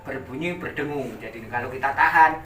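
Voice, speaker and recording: A man's voice: medium pitch, fairly quick, bright, forceful tone. A man with an Indonesian accent teaching Quran recitation rules to adult pupils, drawing out syllables and repeating words for them to copy. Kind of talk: informal tajwid lesson. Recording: echoey room, distant mic, faint ambient noise.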